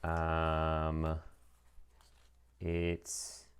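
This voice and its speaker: A man's voice: a bass voice, completely flat delivery, very slow, clean tone. A man reviewing a fountain pen as he unboxes it, chatting casually with lots of ums and some dry sarcasm.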